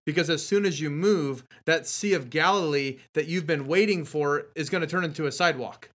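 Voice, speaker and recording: A man's voice: fairly high pitch, a little fast, fairly bright tone. A man, a guest on a faith talk show, speaking earnestly and encouragingly, often ending with "right?". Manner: earnest, encouraging, fond of tag questions.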